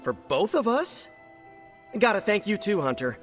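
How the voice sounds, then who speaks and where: Spider-Man, chatty and high-spirited young wisecracker. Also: big pitch swings, a little slow, soft background music. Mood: cheerful. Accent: American. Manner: chatty, joking, stop-and-start delivery. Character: young wisecracking superhero, friendly, nerdy college student. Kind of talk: video game cutscene dialogue.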